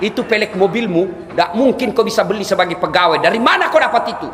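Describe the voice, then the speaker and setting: A man's voice: high voice, lively intonation, fast talker, a bit bright, pitched above the performer's own voice. A man voicing a stern angel who interrogates souls at heaven's gate with barked questions. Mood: demanding. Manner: barking, demanding questions. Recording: echoey hall, faint ambience.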